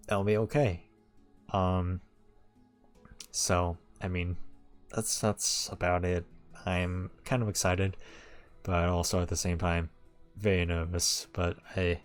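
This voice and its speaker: A young man talking casually and candidly to camera at home, in a rambling, hesitant way. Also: deep voice. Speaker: vlogger. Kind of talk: casual vlog talk.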